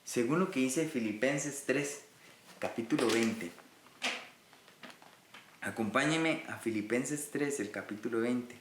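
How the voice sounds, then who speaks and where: A man's voice: medium pitch, takes it slowly, pauses often, reverberant, slight background noise. A man from Rica, teaching a recorded Bible lesson in an earnest way and speaking directly to his listeners. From Costa Rica.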